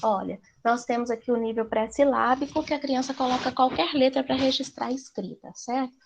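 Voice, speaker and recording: A woman's voice: sits high, fairly even intonation, a little fast, vocal fry, noisy background. A middle-aged woman teacher with a Brazilian Portuguese accent, explaining to parents in a live class and asking rhetorical questions.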